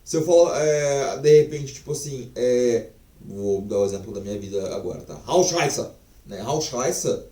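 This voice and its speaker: A man's voice: medium pitch, little pitch movement, moderate pace, dark tone, roomy sound, far from the mic. A man teaching a casual online language lesson, chatty and profane, full of fillers.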